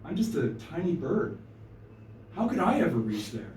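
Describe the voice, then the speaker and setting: A man's voice: a little high, very animated, moderate pace, a little mellow, slight background noise. A man voicing a tiny, desperate male crow, begging for help in an anxious, pleading way. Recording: roomy live stage, distant mic.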